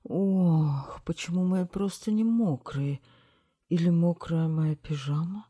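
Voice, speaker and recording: A woman voicing a pompous male mayor who has been turned into a small mouse, squeaking and giving orders. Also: slow pace, dark tone, slightly rough. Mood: groggy. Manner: squeaky, indignant, commanding.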